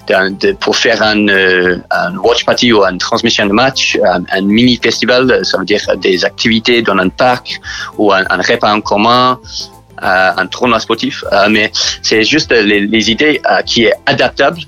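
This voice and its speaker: A man from New Zealand speaking French as a second language with a strong English accent, halting and often repeating words as he answers interview questions. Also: lowish voice, bright, forceful tone, soft background music. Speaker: interview guest from a church sports outreach group.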